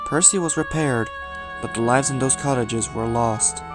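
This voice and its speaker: A scripted horror story is narrated by a man whose voice sits at medium pitch. He takes a measured, storytelling approach with dramatic emphasis, and music can be clearly heard behind him.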